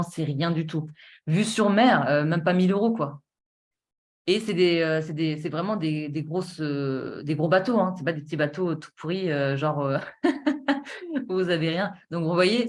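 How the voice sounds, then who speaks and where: A woman giving a casual, enthusiastic sales presentation while showing her screen, chatty and full of filler words and restarts. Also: low voice. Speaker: presenter of a travel savings platform.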